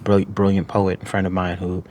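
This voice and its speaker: A man's voice: deep voice, monotone, darkish tone, slight background noise. A man from New York, a guest author and poet, talking reflectively in an interview with frequent restarts and filler phrases. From New York, USA. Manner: halting, frequent restarts, peppered with "you know what I'm saying".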